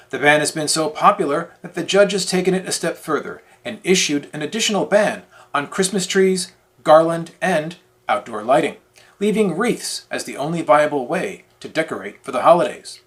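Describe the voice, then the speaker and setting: A man reading a scripted parody newscast as its anchor, with a deadpan newsreader delivery. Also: a little high. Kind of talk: scripted mock newscast narration.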